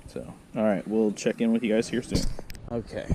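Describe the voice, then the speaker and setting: A man's voice: on the low side, moderate pace. A man in his thirties giving casual, chatty commentary to viewers as a fishing vlogger. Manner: informal, chatty, addressing viewers as guys. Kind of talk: casual first-person fishing vlog commentary. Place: outdoors on a wooded riverbank. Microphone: action camera worn or held at arm's length. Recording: clear outdoor ambient noise by a river.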